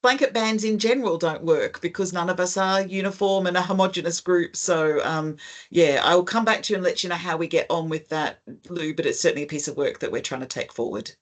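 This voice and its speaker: A woman's voice: lowish voice, brisk. Woman hosting an online meeting over video call, friendly, rambles a bit, says um a lot. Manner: friendly, wordy, with frequent ums. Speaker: host and chair of an online conversation. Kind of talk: casual online meeting chat.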